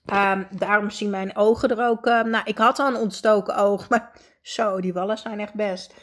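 A woman's voice: medium pitch, fairly even intonation, moderate pace. A woman coach talking earnestly in a live session, reflective and hesitating at times. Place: indoors at home.

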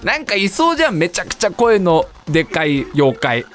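A man hosts a casual live stream, reading viewer replies one by one and riffing on each. His pitch leaps all over the place as he laughs and muses aloud. Faint music plays underneath. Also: very animated, a little fast. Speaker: livestream host reading viewer answers.

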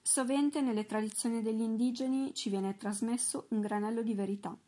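Woman doing a shrill excitable old professor. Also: fairly quick, natural voice. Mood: lecturing. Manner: fussy, shrill bursts of enthusiasm.

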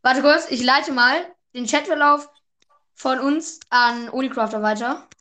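High-voiced woman, playful casual call chat. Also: unhurried, pushed and bright.

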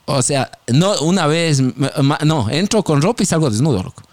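A man hosting a podcast in casual chat, slangy and animated, tacking "loco" onto his sentences. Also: normal speed. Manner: mimics others in high-pitched voices. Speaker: podcast host.

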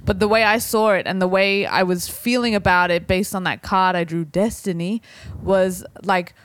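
A woman's voice: mid-range voice, steady tone, moderate pace, no echo. A woman in a casual conversation, talking earnestly and hesitantly with many restarts. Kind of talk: casual conversation about philosophy.

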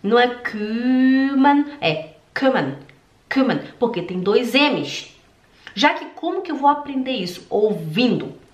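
A woman, a German teacher giving a casual video lesson and repeating drill words slowly and emphatically. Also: a little high, very animated, muffled recording. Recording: echoey room.

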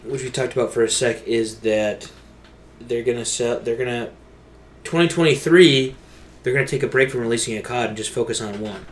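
A podcast co-host on a gaming show speaks a little fast in a medium-pitched voice, with slight background noise. He chats casually yet emphatically, using slang and often repeating himself for effect.

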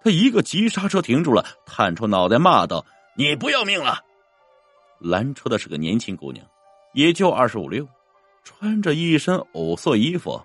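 A man narrating a dramatic story in an expressive, theatrical manner. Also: moderate pace, breathy edge, no room sound, faint music behind. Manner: expressive, swinging pitch.

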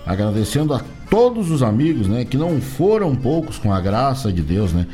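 A man hosts a live radio show in a gaúcho Brazilian accent. His voice is mellow and folksy, with a ringmaster's showy, stretched-out greetings over soft background music. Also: medium pitch, big pitch swings, moderate pace. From southern Brazil, from São Borja. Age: late 30s or older. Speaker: radio host. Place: radio studio.

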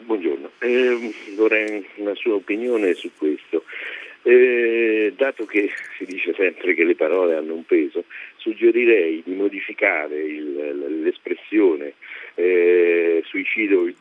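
A man calls in to a radio show from Rome, and his very low voice comes through a thin, tinny phone line. He speaks politely and carefully, in a formal and measured way. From Rome, Italy. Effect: phone call heard over a radio broadcast.

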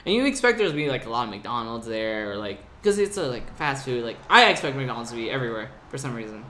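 Fast and mid-range in pitch, a young adult man from California tells casual travel stories as a podcast guest. He laughs readily and keeps saying "like." Faint background noise can be heard.

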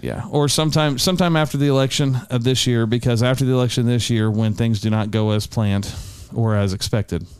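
Guy rambling about politics on a talk show, smooth clear voice, dry sound. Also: medium pitch, steady tone, fairly quick, few pauses, a little mellow, no echo. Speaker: co-host.

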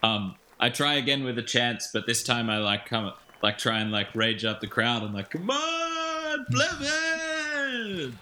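A man's voice: lowish voice, steady tone, normal speed, few pauses, bright, forceful tone. A man playing in a tabletop game, hesitant and full of fillers. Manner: hesitant, lots of "like". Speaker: player. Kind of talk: tabletop role-play.

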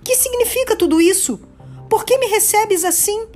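A woman's voice: very high voice, normal speed, a little mellow, faint music behind, pitched above the performer's own voice. A woman voicing an impassioned young man who exclaims with pleading intensity. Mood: anguished. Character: desperate young man, impassioned and anguished lover.

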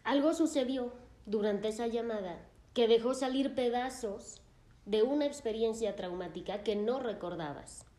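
A woman tells the story of a case from her practice as a psychotherapist, calm and measured as she explains. Her voice is fairly high but mellow, recorded in a roomy space with noticeable echo. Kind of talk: first-person storytelling narration.

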